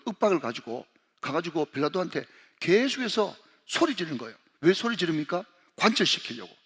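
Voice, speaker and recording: A man's voice: a little high, a bit bright, slightly rough. A man who is a senior pastor preaching a sermon, talking straight to the congregation and calling them to read along. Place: church sanctuary. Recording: long hall reverb.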